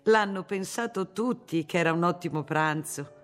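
A reader voicing an elderly, gentle, pious spinster in a storybook, in a somewhat higher voice. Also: moderate pace, soft background music, lightly acted. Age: older.

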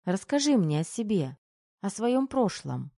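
A woman's voice: medium pitch, very animated, a little slow, dark tone, no echo, studio quality, pitched above the performer's own voice. A woman voicing a spirited, playful young woman in an audiobook, lightly mocking and curious. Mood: challenging. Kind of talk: audiobook character reading.

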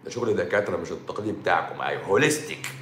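Egyptian male doctor, rapid mocking livestream rant, echoey room sound. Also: low-pitched, lively intonation, fairly bright tone, a little hiss or hum. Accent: Egyptian Arabic. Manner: sarcastic, mocking, scolding. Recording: roomy echo.

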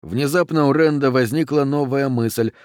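A man narrating an audiobook in an even, unhurried reading voice. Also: medium pitch, no room sound, studio quality.

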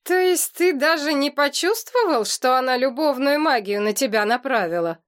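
A woman voicing a gruff middle-aged male demon, a clan head who scolds his foolish nephew with sarcasm, in an audiobook reading. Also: sits high, animated, a little slow, fairly bright tone, voice pushed up. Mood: scolding.

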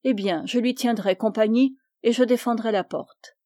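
A woman's voice: fairly high pitch, moderate pace, dark tone, dry recording, studio quality, natural voice. A woman reading the part of a young man, a remorseful, pleading lover, in a storybook reading. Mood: firm. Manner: pleading, self-reproaching.

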